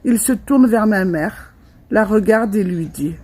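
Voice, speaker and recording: A young woman narrating a first-person horror storytime, with a dramatic and lively delivery. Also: mid-range voice, measured pace. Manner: dramatic, lively retelling with quoted voices.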